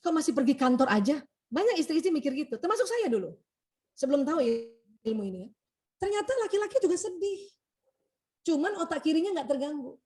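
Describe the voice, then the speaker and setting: High-voiced woman giving a lively talk. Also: fast talker. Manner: animated, acts out quoted dialogue, laughs often; frequent "ya" tag at phrase ends. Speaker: doctor giving a talk on emotions and family.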